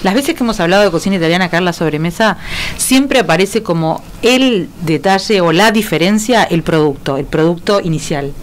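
A woman's voice: on the low side, expressive, a little fast, a little hiss or hum. A woman in her forties with a Uruguayan accent, hosting a studio interview and introducing her guests conversationally. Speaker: host. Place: indoor studio. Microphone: studio mic on stand.

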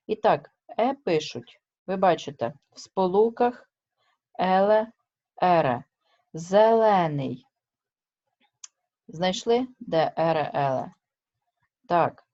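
A woman teacher talks through a remote lesson at a slow, unhurried pace, stretching out each example word so it lands. Her voice sits at a middle pitch and comes through a dull, lo-fi recording. She keeps stopping to check that her students are following. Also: lively intonation, a little mellow. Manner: slow, careful, stresses and drawls example words; checks with students by asking short questions.

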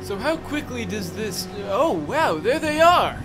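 A man voicing a bumbling, boastful ship captain in a comedy machinima, talking in an excitable, rambling way and breaking into yelps. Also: extremely high pitch, a little slow, over music, full character voice. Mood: fussy.

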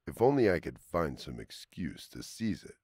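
A man voicing a greedy, bullying male wolf in a storybook fable, with a gruff, menacing delivery. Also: low-pitched, very animated, moderate pace, a little mellow, no room sound, clean studio sound, full character voice.

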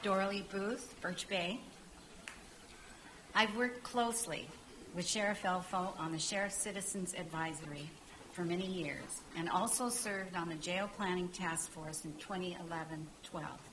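A woman's voice: fairly low pitch, unhurried, noisy background. An older woman giving a formal public comment from a podium in a council chamber, reading a prepared statement. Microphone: podium microphone.

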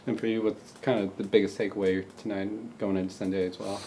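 A man, a reporter, asking questions in a halting way with many fillers. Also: lowish voice, level tone, noisy background. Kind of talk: press conference questions.

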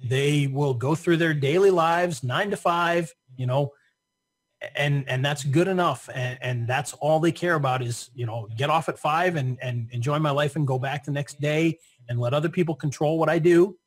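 A slightly husky man talks as the guest in a relaxed interview. He tends to stumble over his first words and laughs easily. His voice sits a little high. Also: moderate pace. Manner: repeats words at the start of phrases, laughs often. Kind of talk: casual interview conversation.

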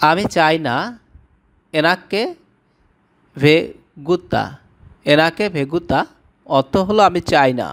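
Man slowly drilling vocabulary words. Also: a little high, animated. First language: Bengali. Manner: slow, repetitive word-by-word drilling. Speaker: language teacher. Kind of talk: scripted language lesson narration.

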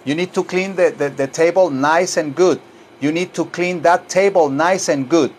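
Slow, playful man teaching English. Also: fairly high pitch, a little hiss or hum. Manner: slow, drawn-out model phrases for students to repeat; playful asides, mock radio-DJ patter and sung snatches. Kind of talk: casual spoken English lesson.

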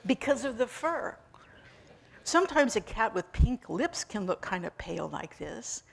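A woman's voice: on the high side, big pitch swings, unhurried, vocal fry, exaggerated voice. A woman voicing a frightened young vet assistant who pleads and rambles nervously. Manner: timid, pleading.

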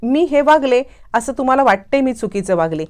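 A woman's voice: high-pitched, lively intonation, brisk, a little mellow, pitched above the performer's own voice. A woman voicing a proud middle-aged matriarch who answers defiantly and indignantly.

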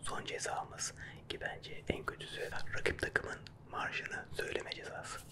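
A man doing playful ASMR chat in a quiet, hushed late-night whisper. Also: unhurried. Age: 30s. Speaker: ASMR creator and game contestant. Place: small dim room at a desk, indoors. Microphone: close microphone with furry windscreen.

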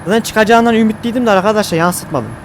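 A man with a high voice reacts loudly to a driving game, exclaiming and cursing at every mishap. His speech is a bit thick from a numbing dental injection, and a faint hum sits behind him. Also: quick pace. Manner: excitable, swears and exclaims at the game. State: numb mouth after dental injection. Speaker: gaming streamer. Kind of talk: casual gameplay commentary.

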